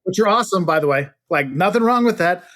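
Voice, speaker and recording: Recorded dry with clean studio sound, this high-pitched, fast-talking man is a middle-aged travel expert from Illinois in the United States. As an interview guest, he chats casually and tells stories with lots of energy, performing the dialogue he quotes.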